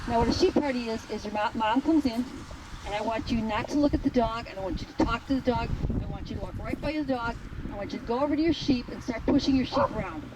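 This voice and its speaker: A woman herding instructor explaining a test to a class outdoors in a blunt, joking, animated way. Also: fairly high pitch, quick pace. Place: outdoors at a sheep field. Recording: outdoor recording with traffic noise.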